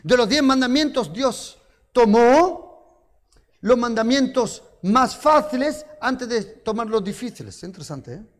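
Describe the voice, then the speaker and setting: A man's voice: very high voice, lively intonation, unhurried. A man preaching a sermon, telling stories with rhetorical questions and touches of humor.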